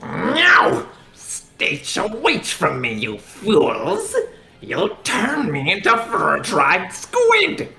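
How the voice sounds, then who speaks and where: A man's voice: high voice, huge pitch swings, drawn-out words, creaky, pushed and bright, echoey room, pitched above the performer's own voice, exaggerated voice. A man voicing a blustering, scheming fishman fighter in a theatrical, menacing way for a comic manga dramatization. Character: blustering villainous male fishman fighter, hot-tempered, scheming.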